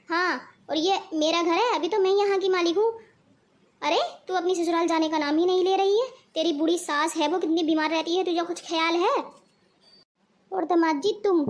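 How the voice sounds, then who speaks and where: A woman voicing a scolding, preachy middle-aged mother in a cartoon. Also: very high voice. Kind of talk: cartoon voice acting.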